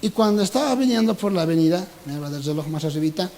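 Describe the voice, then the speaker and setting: A man's voice: high-pitched, expressive, quick pace, a little mellow, rough recording. A young adult man, a pastor with a Bolivian Spanish accent, preaching a sermon and acting out the voices in his stories.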